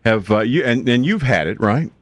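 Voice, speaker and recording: A man's voice: medium pitch, lively intonation, normal speed, dry recording. A man hosting a morning radio show, chatting casually with a dry, teasing manner. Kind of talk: casual bantering radio chat.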